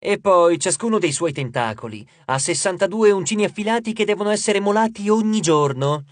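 A man's voice: high-pitched, animated, brisk, no echo. A man voicing a mild, chatty female sea goddess who explains things in a lighter, fussy tone. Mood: earnest.

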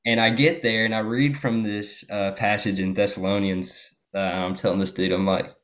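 As a guest in a laid-back conversation, a young man from the United States spins a story full of fillers. He speaks at a moderate pace in a lowish voice, keeping it relaxed.

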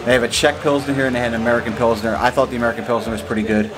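A middle-aged man co-hosting a motorcycle vlog, laid-back and quick to agree, talking in short remarks. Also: medium pitch, fairly even intonation, music in the background, poor audio. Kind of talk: casual chat reviewing a brewery. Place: indoors in an old bank vault, later outdoors. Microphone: phone camera at arm's length.

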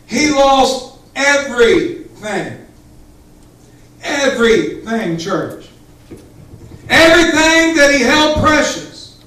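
The very high voice of a middle-aged pastor comes across pushed and bright as he preaches a fervent, emphatic Pentecostal sermon straight to his small congregation. He's in a church sanctuary, picked up far from the camera in an echoey hall.

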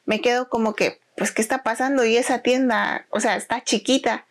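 Higher-voiced woman telling a story. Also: fairly even intonation, normal speed. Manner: rambling anecdotal storytelling, acts out quotes. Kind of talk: casual chat.

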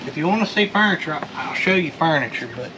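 A thirtysomething vlog host talks to his camera from inside a metal storage unit, joking and teasing in a folksy, casual way. His voice is on the high side with lively intonation and a quick pace, recorded noisily from a camera a few feet away.

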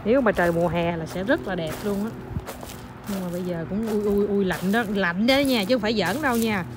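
A woman's voice: medium pitch, a little fast. A young mother chatting to viewers while filming her toddler at an outdoor playground in the evening, teasing and commenting as she goes. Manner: chatty, teasing running commentary, mixing in English phrases. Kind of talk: casual vlog narration to viewers. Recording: noisy outdoor phone recording.

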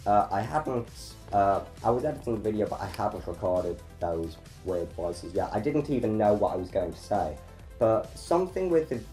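A man's voice: low-pitched, dark tone. A young man hosting a casual behind-the-scenes chat about his film, chatty and self-deprecating. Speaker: filmmaker, channel host. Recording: roomy echo, faint music.

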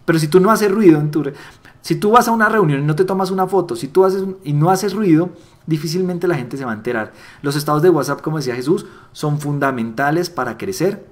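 Man, fairly high voice, lively motivational coaching, repeats phrases. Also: fast talker. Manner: animated, acts out little dialogues with voice shifts; repeats key phrases for emphasis. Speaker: network marketing trainer. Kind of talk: motivational sales training talk.

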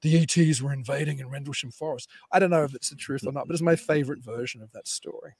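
A man guest historian explaining at length on a live call-in show, animated and digressive with frequent restarts. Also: medium pitch, fast, creaky, husky.

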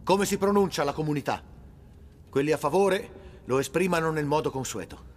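A man's voice: a little high, moderate pace, close to an everyday voice. A man playing a solemn meeting moderator in a dubbed drama, proclaiming formally like a town crier. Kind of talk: dubbed film drama acting.

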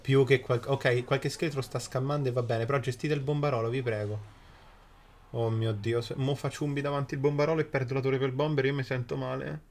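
A man's voice: medium pitch, steady tone, fairly quick, a little mellow, a little hiss or hum. A man, commentating a live mobile game emphatically, repeating phrases and swearing in exasperation. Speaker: game streamer. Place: small indoor streaming room.

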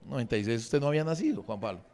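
A man's voice: medium pitch, animated, racing, darkish tone. A man in his forties with a Bogotá accent, doing improvised, crude stand-up and bantering with the audience. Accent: Bogotá Spanish. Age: 40s. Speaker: stand-up comedian. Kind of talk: improvised stand-up crowd work. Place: comedy venue with a live audience.

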